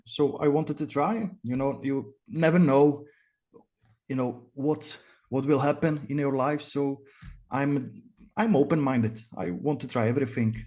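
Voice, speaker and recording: A man in his twenties from the Czech Republic with a Czech accent, giving casual interview answers in a halting, hesitant way. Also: mid-range voice, a little mellow. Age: 20s. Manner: hesitant, halting delivery full of pauses. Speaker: interview guest, virtual cam studio owner.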